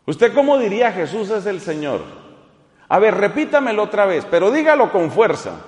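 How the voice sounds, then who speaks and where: Priest preaching in an echoing hall. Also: male voice, sits high, moderate pace. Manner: animated, teasing, mimics voices in anecdotes. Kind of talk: humorous sermon with storytelling. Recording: echoey hall with long reverb.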